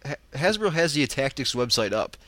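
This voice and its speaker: Guy cohost, casual slangy talk, kinda unimpressed, mid pitch. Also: big pitch swings, normal speed, fairly bright tone, no echo. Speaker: podcast co-host. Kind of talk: casual chat.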